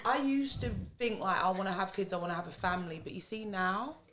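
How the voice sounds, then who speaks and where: A woman's voice: mid-range voice, fast, over a noisy crowd. Frank, laughing London woman in her thirties. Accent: London English. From England. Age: 30s. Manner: frank, animated, laughs often, swears freely. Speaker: podcast guest. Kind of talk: casual chat.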